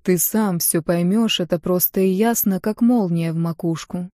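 A woman voicing a broad-shouldered, terse man who speaks in a muffled, lowered tone. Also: normal speed, warm tone, no room sound, clean studio sound, lightly acted.

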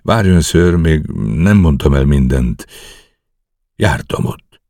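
A man's voice: very deep voice, expressive, mellow, no echo, clean studio sound. A man reading the lines of an eager young commando officer who earnestly reports a risky night mission to his superiors.

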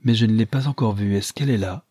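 A man with a low, husky voice playing an ardent, tender young gentleman in an audiobook. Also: fast, dry recording, studio quality.

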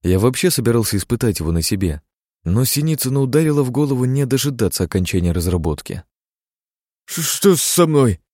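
A man reading a novel aloud in first person, steady and measured. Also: medium pitch, no room sound, clean studio sound. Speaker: audiobook narrator. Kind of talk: first-person scripted narration.

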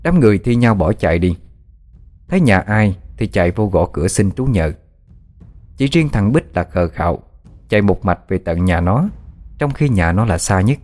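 A man's voice: fairly low pitch, lively intonation, normal speed, darkish tone, faint music behind. A man narrating a horror story in a dramatic, suspenseful way.

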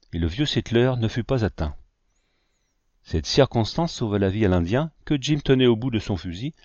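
Low-voiced man narrating a novel. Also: darkish tone, no echo, highs cut off. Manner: measured, literary reading. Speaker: audiobook reader. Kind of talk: scripted narration.

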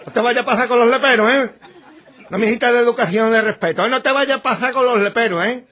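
A shrill, indignant village man. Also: fast, pushed and bright, full character voice. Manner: shrill and offended, jabbing little questions.

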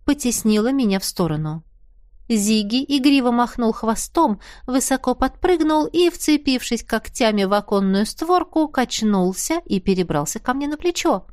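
A woman narrating a first-person fairy tale audiobook in a lively, expressive way. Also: a little high, moderate pace, dry recording, studio quality.

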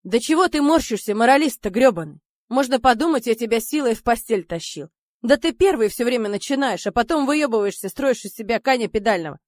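A woman reading an audiobook, voicing a brash, foul-mouthed man who talks loudly and jeers. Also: fairly high pitch, animated, fairly quick, no echo, studio quality, close to an everyday voice. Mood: jeering. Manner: loud, jeering, swearing.

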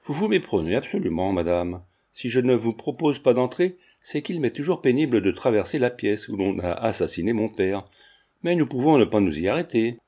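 A man's voice: mid-range voice, big pitch swings, moderate pace, warm tone. A man reading as a proud, resolute young woman. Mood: reserved.

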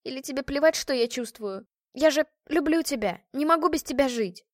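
A woman's voice: high-pitched, expressive, a little fast, no room sound, studio quality, voice pushed up. A woman reading the part of a proud, bitter young noblewoman who has been jilted, accusing and sarcastic in an audiobook.

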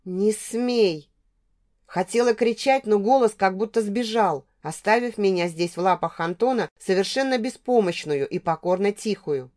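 A woman's voice: mid-range voice, normal speed, few pauses, a little mellow. A woman narrating a tense first-person novel as an audiobook reader.

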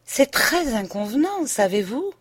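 A woman's voice: on the high side, very animated, unhurried, slightly rough, dry recording, voice pushed up, full character voice. A woman voicing a coy young provincial wife who speaks with simpering hesitation.

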